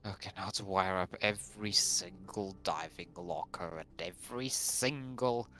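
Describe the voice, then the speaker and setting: A man's voice: low-pitched, fairly even intonation, measured pace, sharp tone, soft background music. A man chatting casually as a friend on a game stream, teasing and joking with mock outrage. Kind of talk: casual chat.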